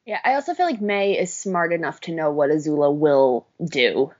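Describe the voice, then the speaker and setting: Woman, podcast co-host, excitable, gushing, lo-fi muffled audio. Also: sits low, moderate pace. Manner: excitable, fills talk with "like". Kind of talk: casual podcast chat.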